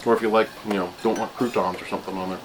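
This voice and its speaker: A man's voice: lowish voice, steady tone, very fast. A man giving a casual taste-test review as host, rambling and thinking aloud. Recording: clearly noisy room ambience.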